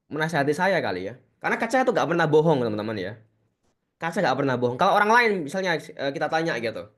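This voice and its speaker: Young male webinar speaker, slangy motivational style, animated voice, heard over a video call. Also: on the high side. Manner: casual, slangy and emphatic.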